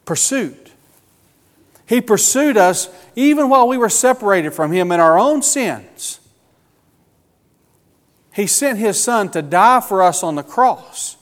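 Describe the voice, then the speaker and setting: Male preacher, earnest and emotional, slightly high voice, long hall reverb. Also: big pitch swings. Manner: earnest, emotional, slow emphatic phrasing. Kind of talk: sermon.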